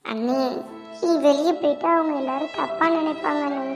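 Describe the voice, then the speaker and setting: A tearful young cartoon woman, as a woman voices her begs her family over and over in a high, thin voice. Soft music plays underneath the home-made cartoon track. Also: fairly even intonation, normal speed. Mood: pleading. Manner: pleading, high and emotional. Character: young woman, pleading tearful sister-in-law. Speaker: cartoon voice artist. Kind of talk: animated cartoon family drama.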